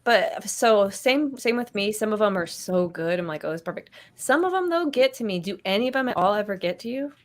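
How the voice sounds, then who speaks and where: A woman's voice: medium pitch, expressive, fairly quick, few pauses. Candid woman in casual chat.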